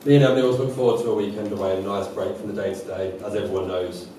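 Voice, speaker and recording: A young man gives a chatty, joking groom's speech at a quick pace, tripping over words. His voice is on the low side, picked up from a distance in a noisy, heavily echoing space. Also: fairly even intonation, mellow. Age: young adult. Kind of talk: informal wedding speech. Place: large echoey wedding venue with guests. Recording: very echoey, noisy room, distant mic.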